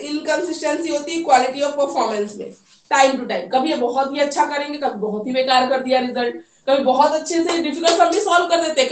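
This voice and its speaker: A woman with a high, clear voice lectures trainee teachers, pausing often to make sure everyone is following and repeating "theek hai" while mixing in English terms. She sounds far from the mic, her voice echoing around a hard-surfaced classroom.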